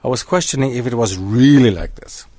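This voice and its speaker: A man who grew up in Germany, a guest historian on a radio talk show, lecturing in an animated way that wanders from point to point. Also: mid-range voice, brisk, dry recording. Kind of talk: radio discussion. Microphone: studio microphone.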